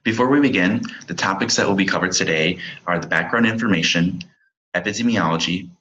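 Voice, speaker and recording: A man's voice: low-pitched, brisk, pushed and bright, muffled recording. A young man in his twenties, a pharmacy student, giving a recorded slide presentation and reading from his slides with small slips and restarts.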